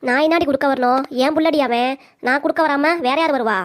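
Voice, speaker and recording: திருநெல்வேலி வட்டார வழக்கில், கேலியும் திட்டுமாகப் பேசும் வயதான சூழ்ச்சிக்கார மாமியாராக ஒரு பெண் குரல் கொடுக்கும் cartoon. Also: female voice, sits high, brisk, close to an everyday voice. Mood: scolding. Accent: Tirunelveli Tamil. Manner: taunting, scolding. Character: sharp-tongued scheming older mother-in-law. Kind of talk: cartoon comedy voice acting.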